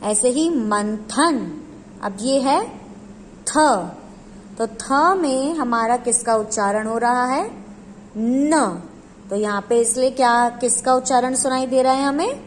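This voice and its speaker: Slow, high-voiced woman teaching Hindi. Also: long reverb tail, a little hiss or hum, low-quality recording. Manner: asks the listener questions, then answers them. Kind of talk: slow explanatory lesson.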